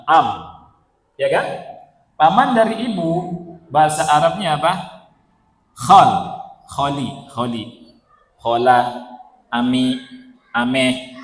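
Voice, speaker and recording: An Indonesian man giving a playful religious lecture in a mosque, quizzing his audience with rhetorical questions. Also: fairly high pitch. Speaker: religious teacher. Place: mosque hall. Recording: echoey hall reverb.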